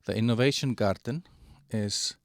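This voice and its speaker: A man giving a halting walkthrough of an online platform, with many fillers and restarts. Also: lowish voice, dry recording, clean studio sound. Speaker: presenter of a digital platform. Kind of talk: screen-share product walkthrough.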